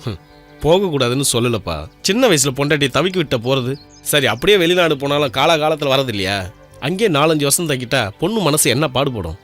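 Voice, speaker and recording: An actor playing a calm village elder who explains a moral point in a steady, reasoning voice, in a film. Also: male voice, on the high side, brisk. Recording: film soundtrack with music.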